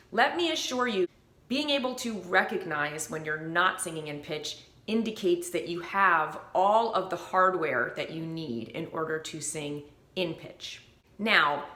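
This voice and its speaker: A vocal coach in an instructional video teaches singing basics, her voice bright and ringing yet lowish in pitch. She speaks clearly and upbeat, now and then slipping into short sung notes to demonstrate, while the room wraps her in a roomy echo.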